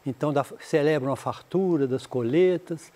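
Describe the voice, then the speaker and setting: Brazilian guy teaching english on school tv, mellow voice kinda high, lots of "então" and "né". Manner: reads English dialogue lines slowly and clearly for students to repeat; explains in Portuguese with frequent "né?" and "então". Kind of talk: televised school lesson.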